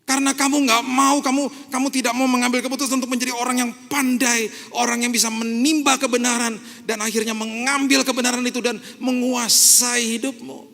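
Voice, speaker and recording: A preacher putting on an exasperated God, chiding. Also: male voice, extremely high pitch, little pitch movement, fairly quick, few pauses, sharp tone, voice pushed up, heavily acted. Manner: pleading, impatient, chiding. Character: exasperated God scolding immature believers. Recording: long church hall reverb.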